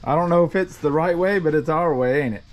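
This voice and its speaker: A man's voice: on the high side, fast talker. A man in his twenties hosting a casual cooking vlog at a fishing camp, chatty and teasing. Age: 20s. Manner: chatty, teasing, laughing often. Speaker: vlog host.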